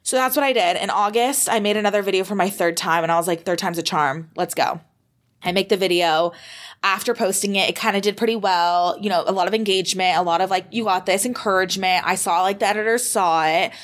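A young woman in her twenties, a model guest on a podcast, telling her story in a casual, animated way with lots of fillers and swearing. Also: mid-range voice, fast.

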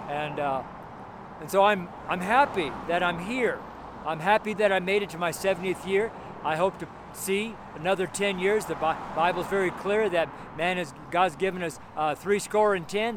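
Outdoors by a road where cars go by, a high-voiced American street preacher in his seventies rambles casually through a sermon. Every so often he chuckles to himself, with background noise audible.

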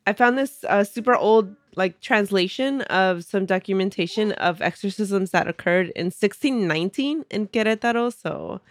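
A woman's voice: medium pitch, normal speed, few pauses, no room sound. A woman hosts a podcast with a stuffy, nasal voice, still getting over a cold. She talks in an easy, chatty way and laughs often. Her voice sits dry and close, with no room sound around it. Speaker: podcast host. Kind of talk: casual podcast chat and story reading.

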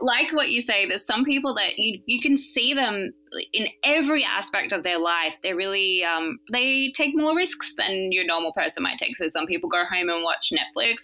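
A woman casually explaining the neuroscience behind feelings, in a relaxed chat with many fillers. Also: medium pitch, low-quality recording.

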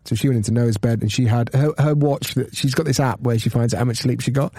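A man's voice: medium pitch, steady tone, quick pace, mellow, no echo, studio quality. A British man in his thirties chatting casually and anecdotally as a podcast co-host. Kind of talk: casual chat.

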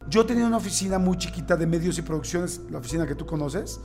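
A man with a Mexican accent, hosting a casual conversation, expressive and quick to exclaim. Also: on the high side, creaky, soft background music.

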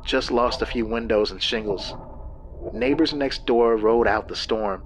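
A man voicing a weary woman who speaks softly and quietly after an ordeal. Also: mid-range voice, a little slow, slight background noise, close to an everyday voice, low-quality recording. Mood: tired calm.

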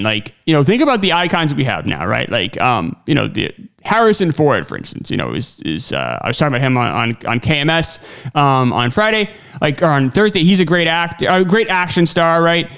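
A man's voice: fairly high pitch, big pitch swings, brisk, creaky, a bit bright, clear, resonant tone. A man hosting a podcast, talking in a rambling, chatty way full of "like" and "um", and reading his own sponsor spots. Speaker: podcast host. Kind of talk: casual film discussion.

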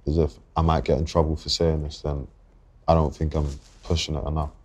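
A very deep-voiced young man from London talks through his thoughts as a podcast guest, his pitch staying level and even. He is reflective and halting, circling back and restarting sentences as he works out what he means. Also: slightly rough. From England. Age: 20s. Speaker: guest rapper. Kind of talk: podcast interview.

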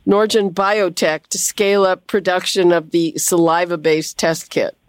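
A woman's voice: fairly low pitch, fairly even intonation, measured pace, no room sound. A woman hosting a call-in radio show, talking with frequent fillers and restarts. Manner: hesitant, many fillers and restarts. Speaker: radio host.

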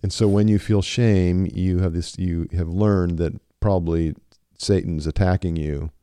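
A man co-hosting a faith podcast, listening closely and asking gentle prompting questions. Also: low voice, steady tone, a little slow, smooth, no room sound, studio quality. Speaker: podcast co-host. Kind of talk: faith-based conversational podcast.

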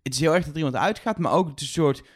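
A podcast co-host chats casually about a TV show, speaking quickly in a fairly high-pitched man's voice.

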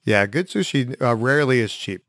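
A man hosts a casual interview at a brisk pace. He keeps the talk moving with quick agreements and follow-up questions. The recording is dry, with no room sound. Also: mid-range voice, expressive, fairly bright tone, no echo. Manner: quick, affirming, asks follow-ups. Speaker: interview host.

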